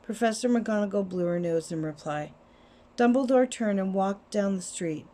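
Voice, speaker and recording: A woman's voice: mid-range voice, moderate pace, dark tone. Woman reading a story aloud on a phone. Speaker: reader. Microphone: cell phone.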